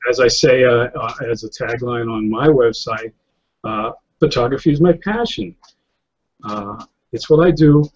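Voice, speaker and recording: A man's voice: mid-range voice, measured pace. Fifties guy rambling about his past on a webcam call, lots of ums, kinda dull lo-fi sound. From New England, US. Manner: rambling, many fillers and restarts, chuckles often. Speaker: guest photographer. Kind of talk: casual interview conversation. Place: indoor room, seated in office chair. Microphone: webcam on a video call. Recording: slightly lo-fi video call audio.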